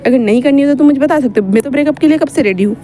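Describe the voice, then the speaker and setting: A woman's voice: high voice, rapid-fire, warm tone, a little hiss or hum, natural voice. Woman playing a smug, teasing young fiancée.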